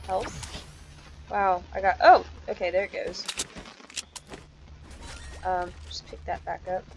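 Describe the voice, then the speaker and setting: A woman's voice: on the low side, takes it slowly, a little mellow, a little hiss or hum, low-quality recording. A young woman casually commenting on her gameplay, chatty and easily startled, swearing often. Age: young adult. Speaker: gaming channel host.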